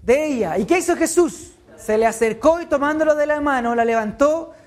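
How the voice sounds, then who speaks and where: Woman teaching Bible study, high voice, asks and answers her own questions. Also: animated, normal speed. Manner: asks the group questions and answers them herself.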